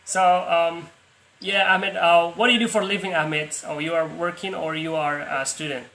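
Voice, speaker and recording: A young man from Palu, Central Sulawesi, Indonesia, with an Indonesian accent, hosts a casual practice video call, speaking hesitantly with frequent restarts and laughing easily. His fairly high voice has a steady, bright, forceful tone at a moderate pace. The low-quality recording sounds roomy.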